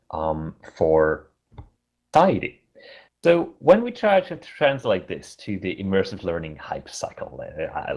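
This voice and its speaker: A man with a German accent gives an online conference talk in a casual, chatty way, halting often with fillers and restarts. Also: fairly low pitch, darkish tone, dull audio. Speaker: conference speaker.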